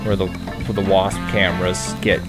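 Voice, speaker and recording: Man, slightly low voice, offhand let's-play commentary, game music clearly behind. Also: little pitch movement, moderate pace. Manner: rambling, offhand, thinking aloud. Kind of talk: casual gameplay commentary.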